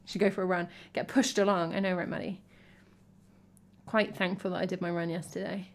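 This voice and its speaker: A woman's voice: lowish voice, flat delivery, brisk. An English woman, a singer-songwriter, chatting casually with her stream audience between songs in a playful, self-mocking way. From England. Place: at home. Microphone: headphones with cable.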